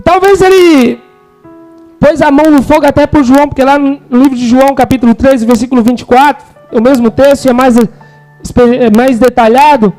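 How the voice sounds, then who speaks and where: Fervent high-voiced Brazilian man preaching. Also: fairly even intonation, moderate pace, a little mellow, faint music behind, rough recording. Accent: Brazilian Portuguese. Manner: fervent, quotes scripture and acts out disciples' lines. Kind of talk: sermon. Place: church.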